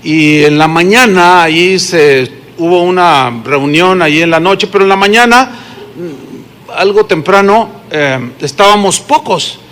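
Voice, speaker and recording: A man's voice: high-pitched, measured pace, a bit bright. A man with a Mexican accent preaching a sermon to his congregation, telling stories and asking them questions. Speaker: pastor. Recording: long hall reverb.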